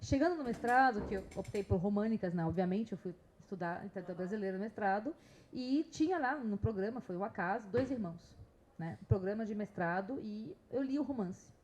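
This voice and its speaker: A woman's voice: medium pitch, animated, a little fast, a little mellow, slight background noise. A woman with a slight Bahian Brazilian accent, a literature scholar speaking chattily on a panel with frequent tag questions. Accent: slight Bahian Brazilian Portuguese. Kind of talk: panel talk.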